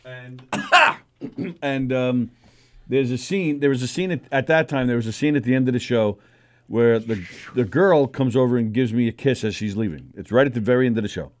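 A man co-hosting a comedy radio show, telling an anecdote in an animated way during casual banter. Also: mid-range voice, normal speed.

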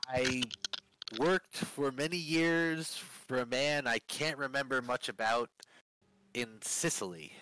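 Young ex-sailor vampire under questioning, halting and evasive, played by a man, mid-pitched everyday voice. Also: background noise, lightly acted. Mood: wary. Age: young adult. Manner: hesitant, halting, trailing off. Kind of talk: tabletop role-play in character.

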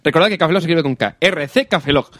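A man's voice: fairly high pitch, no room sound, clean studio sound. A man co-hosting a podcast who steers the segments in casual chat. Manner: quick, lively, steers the segments. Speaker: podcast co-host.

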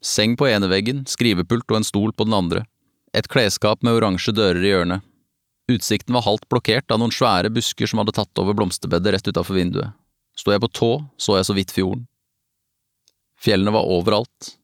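Low-voiced man reading a novel aloud. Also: steady tone, dry recording, clean studio sound. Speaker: audiobook narrator. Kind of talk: first-person novel narration.

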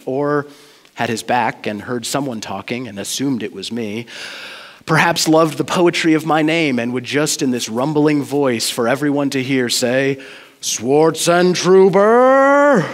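A man's voice: medium pitch, fairly bright tone. Earnest male preacher in a reverberant hall. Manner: earnest, conversational storytelling. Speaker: pastor. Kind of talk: sermon. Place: church sanctuary. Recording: long reverb of a large hall.

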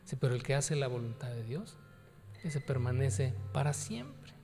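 A man's voice: mid-range voice, sing-song, a little slow, warm tone, big-room sound, faint music behind. A man preaching a conversational sermon, telling personal stories and repeating phrases for emphasis. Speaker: pastor.

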